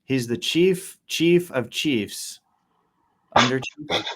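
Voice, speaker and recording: A man with a medium-pitched voice and a slow pace hosts a jokey, easygoing live show, rambling with playful theatricality. The recording is noisy, with forest and nature ambience behind him.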